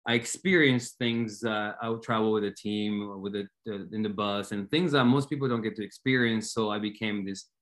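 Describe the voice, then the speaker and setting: Earnest low-voiced man from Argentina. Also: fairly even intonation, normal speed, hardly any pauses, fairly bright tone. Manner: eager, earnest, many restarts. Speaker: soccer team owner, guest. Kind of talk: casual interview talk.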